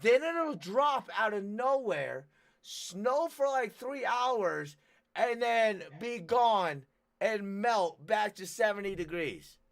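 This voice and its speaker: Laid-back high-voiced male radio host. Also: lively intonation, gravelly. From Thailand. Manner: laid-back, chatty, drawn-out. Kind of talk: casual chat.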